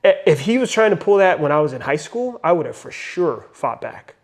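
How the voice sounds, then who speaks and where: A man's voice: a little high, big pitch swings, a little fast. A young man and father talking earnestly in a casual podcast conversation, reflecting and using many fillers. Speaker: podcast co-host.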